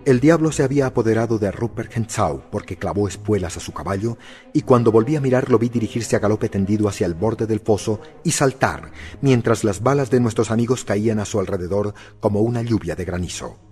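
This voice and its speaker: Low-voiced man reading a novel aloud. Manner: steady, measured storytelling. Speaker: audiobook narrator. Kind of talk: scripted first-person narration.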